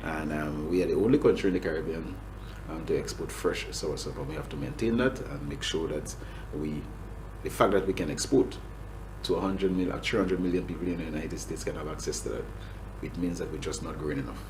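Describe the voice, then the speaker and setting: Deep-voiced Grenadian official, halting. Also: male voice, noisy background. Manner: hesitant, many restarts and fillers. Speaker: government agriculture official. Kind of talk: interview answers.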